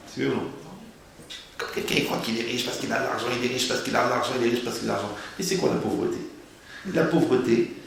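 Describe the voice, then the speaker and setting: A man giving a lively, humorous sermon, asking rhetorical questions and playing on words. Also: medium pitch, creaky. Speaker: rabbi giving a Torah lesson. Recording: very echoey room, faint background noise.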